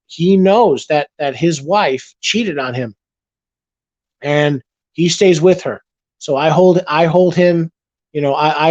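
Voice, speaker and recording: Late at night, a man works through viewer messages on his livestream in a rambling way, restarting and repeating sentences often. His voice, a bit high for a man with a darkish tone, sounds worn after hours of talking. The recording is dry, close and muffled, with no room around it.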